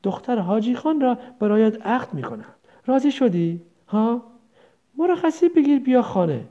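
A woman's voice: on the high side, animated, warm tone, natural voice. A woman voicing an old village mother who rambles tenderly and laments her son, on a dull lo-fi recording. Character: old village mother, grieving, confused, doting.

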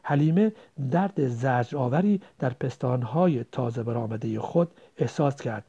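Expressive man reading a story aloud. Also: medium pitch, breathy edge. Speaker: narrator. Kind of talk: audiobook narration. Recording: dull lo-fi recording.

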